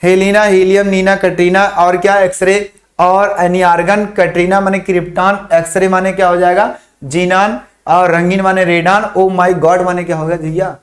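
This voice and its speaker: A man with a fairly high voice leads a chemistry class, drilling memory sentences for the periodic table. He repeats each phrase slowly for dictation and keeps asking and answering his own questions in a classroom manner. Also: flat delivery. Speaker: chemistry teacher. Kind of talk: online classroom lesson.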